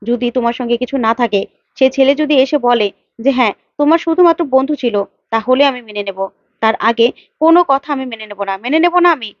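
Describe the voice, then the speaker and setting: A woman reading the part of a furious young husband, pressing his wife with repeated demands. The voice sits high. The sound is dull and dry, like a cheap home recording. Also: fast, dry recording, close to an everyday voice. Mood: angry. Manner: heated, accusing, insistent repeats.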